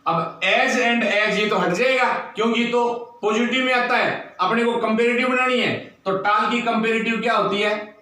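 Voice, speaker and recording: Male teacher, high and bright, slow step-by-step explaining, echoey room, mic far off. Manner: slow, explains step by step, spells out words letter by letter. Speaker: school teacher. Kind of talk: recorded classroom grammar lesson. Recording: roomy echo, far from the mic.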